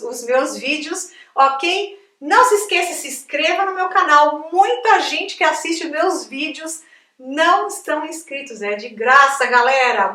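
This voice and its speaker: A woman's voice: sits high, pushed and bright, recorded from a distance. A Brazilian woman with a chatty, upbeat manner, giving a casual video lesson as an English teacher, checking in with her viewers again and again. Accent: Brazilian Portuguese. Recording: echoey room, voice from off the mic.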